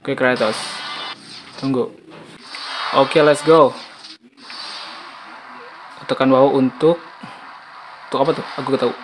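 A young Indonesian man giving chatty, excitable gameplay commentary, casually slipping in bits of English. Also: medium pitch, brisk, pauses often, rough recording. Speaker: gaming video host. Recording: game music behind the voice. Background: video game soundtrack.

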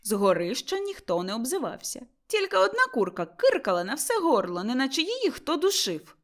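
A woman reading an audiobook with expressive storytelling narration. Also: sits high, fairly quick. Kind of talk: scripted narration.

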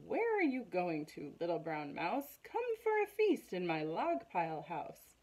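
A woman voicing a sly snake inviting the mouse to a feast, slightly breathy. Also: fairly low pitch, huge pitch swings, unhurried, darkish tone, full character voice. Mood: luring. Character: sly snake in a log pile.

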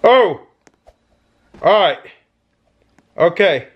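Animated, high-pitched man commenting on gameplay. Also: extremely slow, highs cut off. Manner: animated, with excited shouts and yelps. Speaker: gaming YouTuber. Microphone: gaming headset.

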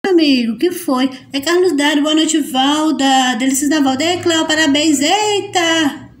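A mother hosts a casual live stream, her high voice moving at a moderate pace. She's chatty and affectionate, greeting viewers by name and laughing often, and the room gives a noticeable echo.

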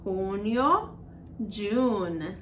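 A woman teaching children in a bilingual lesson, repeating each word slowly in a sing-song way. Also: mid-range voice, animated, a bit bright, roomy sound, distant mic, a little hiss or hum. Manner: slow, sing-song repetition of words for children.

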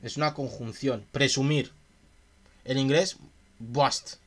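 A man's voice: medium pitch, normal speed. A man from in a casual livestream, reading a philosophy text aloud and musing about it with his chat in a chatty, questioning way. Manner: reads passages aloud then muses with chat in a chatty, questioning way.

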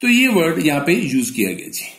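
A man's voice: a little high, sing-song, normal speed, fairly bright tone, echoey room. Teacher posing and answering his own questions. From northern India. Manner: asks questions and answers them himself; addresses the students with a polite "ji". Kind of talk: exam-prep lesson.

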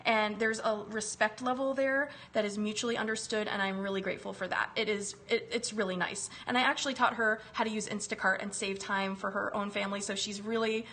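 Her voice is medium in pitch, bright and forceful, brisk with few pauses and fairly even in intonation. She is a woman in her thirties hosting a wellness live stream from her home kitchen, recovering from a chest virus and naming viewers as she greets them, filmed close on a phone camera.

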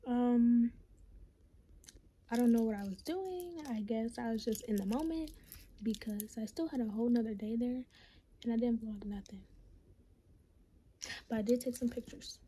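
A woman's voice: fairly high pitch, animated, moderate pace, mellow. A young woman vlogging on her phone camera in a rambling, chatty way, with lots of fillers. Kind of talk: casual vlog chat. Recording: noisy phone recording.

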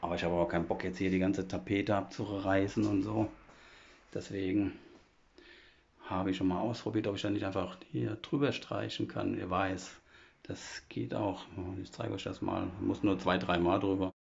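Here a man with a very low, gravelly voice gives a relaxed walkthrough of his old half-timbered house indoors, speaking at a moderate pace with fairly even intonation. He explains everything in order, padding it with fillers. The phone he carries while walking picks up dull, lo-fi sound.

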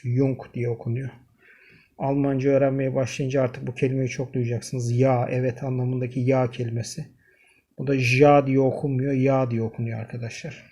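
A man with a husky, somewhat breathy voice talks through a language lesson, walking his viewers through each pronunciation rule in turn. His tone is dark and mellow, and his delivery stays fairly flat and even. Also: mid-range voice. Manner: explains step by step, addresses viewers directly. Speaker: language teacher. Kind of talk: screen-recorded language lesson.

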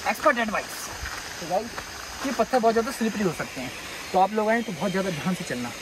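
Excitable high-voiced young man by a waterfall. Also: fast talker. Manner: excitable, playful, addresses viewers. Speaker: travel vlogger. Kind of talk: casual outdoor vlog chat. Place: outdoors by a waterfall. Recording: outdoor waterfall noise.

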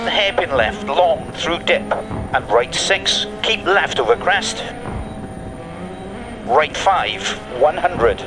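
A focused video game rally co-driver with a high voice. He fires off rapid pace notes in clipped, urgent short calls, under loud car engine noise. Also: expressive, music in the background. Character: focused male rally co-driver calling the road.

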